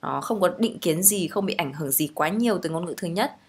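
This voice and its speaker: Woman, Vietnamese accent, young adult, English teacher, slightly low voice, explains phrase by phrase, checks in with listeners. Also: expressive, a little fast, husky. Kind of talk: language lesson explaining phrases.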